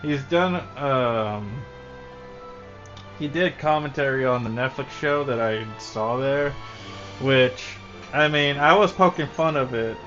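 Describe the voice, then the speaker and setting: A man's voice: medium pitch, slow, a bit bright. A man chatting casually while drawing on a livestream, rambling through an amused story. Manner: chatty, amused, often laughs mid-story. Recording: dull lo-fi with faint music.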